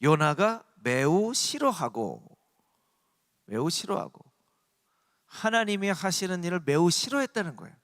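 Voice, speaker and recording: A male pastor preaching a sermon in a church, animated and throwing rhetorical questions at the congregation. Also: high-pitched, unhurried, long pauses, no room sound, studio quality, in a large hall. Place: church sanctuary.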